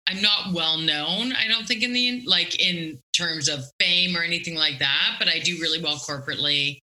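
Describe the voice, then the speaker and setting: Bright, forceful middle-aged Canadian woman. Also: on the low side, moderate pace, poor audio. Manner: animated, self-deprecating, joking. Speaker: guest comedian. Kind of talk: casual interview chat.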